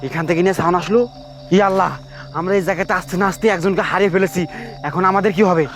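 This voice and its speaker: A man's voice: sits high, steady tone, very fast, noisy background. A man leading a staged ghost search outdoors at night, frantic and repeating his calls over and over. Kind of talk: staged horror search in the dark. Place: outdoors near fields and trees. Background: music.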